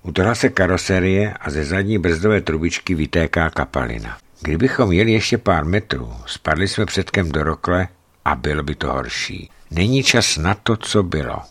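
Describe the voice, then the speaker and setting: Deep-voiced man reading a tense memoir. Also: expressive, a bit bright, husky. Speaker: narrator of his own desert journey. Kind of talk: dramatic audiobook reading of a travel memoir.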